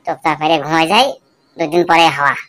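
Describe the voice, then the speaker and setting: A woman's voice: sits low, fast, very noisy, natural voice. A woman voicing a fretful, grumbling young village man in a cartoon. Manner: grumbling, swears a lot. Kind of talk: cartoon voice acting.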